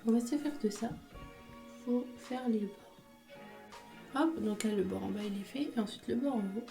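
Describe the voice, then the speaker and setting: A woman's voice: fairly high pitch, normal speed, creaky, warm tone, soft background music. A woman chatting casually through her makeup routine step by step, with small fillers as she goes. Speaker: beauty vlogger.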